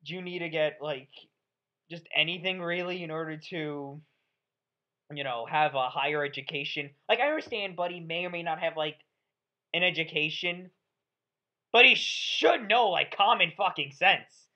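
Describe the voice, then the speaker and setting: A woman's voice: sits low, moderate pace. A woman ranting through a sarcastic, profane, rambling movie review. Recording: dull lo-fi audio.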